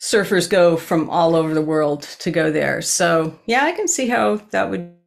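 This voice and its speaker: A woman in her sixties, an animal communicator, hosts a casual podcast chat over a webcam video call from a home room lined with bookshelves. Her voice is lowish, expressive and creaky at a normal speed. She's chatty and earnest, gesturing with her hands as she talks.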